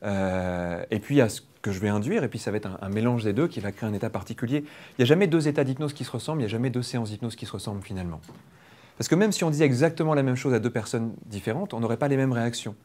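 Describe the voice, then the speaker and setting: A man leading a public hypnosis demonstration, explaining quickly and playfully to a live audience. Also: medium pitch, lively intonation, a little mellow. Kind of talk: lively teaching talk to a live audience. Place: training room with an audience.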